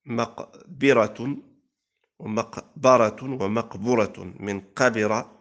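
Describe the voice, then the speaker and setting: Male teacher, low gravelly voice, measured recitation of verse in a grammar lesson. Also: a bit bright. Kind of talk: classical Arabic grammar lesson.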